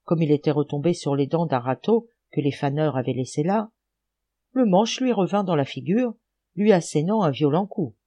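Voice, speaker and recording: A woman narrating a folk tale for an audiobook. Her reading is animated and expressive, and her pitch rises and falls widely. The tone stays mellow and dark. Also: normal speed, lo-fi sound. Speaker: audiobook reader. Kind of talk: storybook narration.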